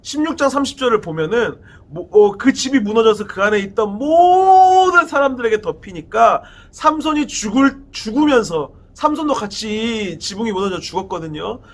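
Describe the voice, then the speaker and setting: A man's voice: high-pitched, very animated, moderate pace, few pauses. A man giving a sermon to a youth group, retelling a Bible story dramatically and asking his listeners questions. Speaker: youth pastor.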